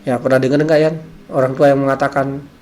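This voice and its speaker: Man, parenting lecture, calm, explanatory, rhetorical questions, mid-pitched voice. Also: fast, slight background noise. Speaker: parenting speaker.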